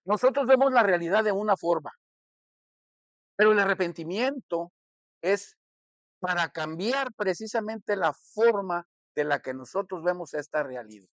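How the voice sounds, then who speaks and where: A male pastor preaching a sermon in a church, teaching slowly and deliberately, repeating and restarting phrases as he explains. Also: high voice, animated, no echo. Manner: deliberate teaching, slowing to stress key words.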